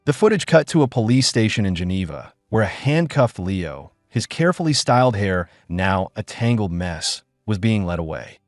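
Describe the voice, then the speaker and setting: A man's voice: lowish voice, very animated, moderate pace, hardly any pauses, dry recording, clean studio sound, soft background music. A man narrating a dramatic story in a scripted, storytelling reading.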